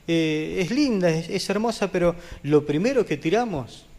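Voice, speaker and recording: A man preaching a sermon as pastor, talking vehemently and putting questions to the congregation, with sudden swings from loud high peaks to quiet low drops. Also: lively intonation, normal speed. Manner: addresses the congregation directly with questions. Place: church.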